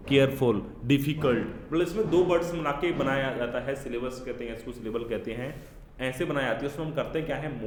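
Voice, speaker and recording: A man teaches grammar to young pupils in a patient, fatherly way, with an Indian English accent. He slows down to read the English rules aloud word by word. His voice rings in a bare room with a long echo. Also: mid-range voice, darkish tone, slight background noise. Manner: addresses pupils as children, fatherly. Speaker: school teacher. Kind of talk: recorded grammar lesson. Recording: echoey room with long reverb.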